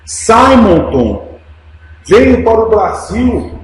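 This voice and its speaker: A man with a Brazilian Portuguese accent preaching a Sunday sermon, emphatic and swinging from quiet to loud, calling his listeners brothers and dear ones. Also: high voice. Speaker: pastor. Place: church sanctuary. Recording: very echoey church with noise.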